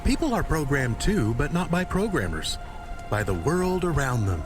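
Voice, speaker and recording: A too-smooth android dog AI. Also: male voice, on the high side, normal speed. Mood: calm. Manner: smooth, calm, mechanical android talk. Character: gentle male AI dog in an android body. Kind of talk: video game voice acting. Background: loud game music.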